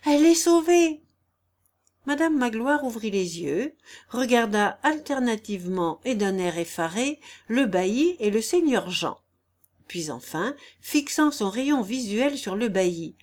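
A woman narrating a literary audiobook in a clear, measured storytelling voice. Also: medium pitch, animated. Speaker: audiobook reader.

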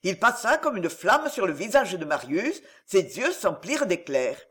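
Expressive male narrator for a classic novel audiobook; high pitched and lively. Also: normal speed, husky.

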